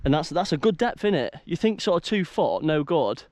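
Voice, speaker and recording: A man chatting excitably to his mate while fishing outdoors at a lake. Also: a little high, fairly quick, no echo. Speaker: angler. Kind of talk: casual live chat while fishing. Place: lakeside outdoors.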